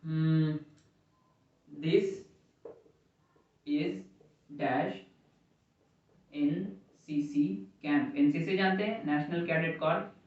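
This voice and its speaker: A man's voice: on the high side, extremely slow, long pauses, darkish tone. A man teaching a classroom grammar lesson, asking the class questions and repeating their answers. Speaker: English teacher. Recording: echoey classroom from far off, dull.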